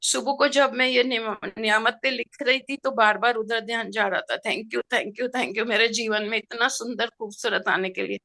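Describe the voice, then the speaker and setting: A middle-aged woman telling an emotional personal story in an expressive, heartfelt way, slipping in English words. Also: a little high, normal speed, hardly any pauses. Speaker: participant sharing a personal experience.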